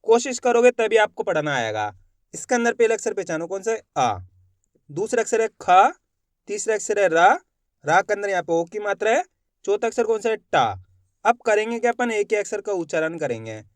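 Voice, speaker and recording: A man's voice: sits high, very animated, normal speed, no echo. A man teaching reading in an online lesson. He sounds out each word syllable by syllable, then says it whole, and coaches the viewers as friends.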